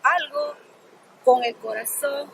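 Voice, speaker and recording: A woman speaks warmly and encouragingly in a high voice, with a faint hum of room noise behind her. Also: unhurried, gravelly, low-quality recording. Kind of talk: encouraging testimonial.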